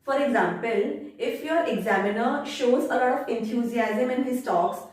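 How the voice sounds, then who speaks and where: Woman tutor, measured and instructive, voice set back from the mic in a very reverberant room. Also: a little high, darkish tone, distant mic. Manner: formal, measured, instructive delivery. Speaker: English test tutor. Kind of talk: instructional video lesson.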